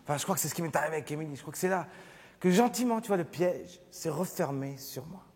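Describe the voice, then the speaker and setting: A man performing a stand-up comedy show on a theatre stage, animated and acting out little scenes. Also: on the high side, fast talker, breathy edge. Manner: animated, acts out scenes with shifting voices. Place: theatre stage with live audience. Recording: live theatre recording, hall reverb, audience laughter. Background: audience laughing.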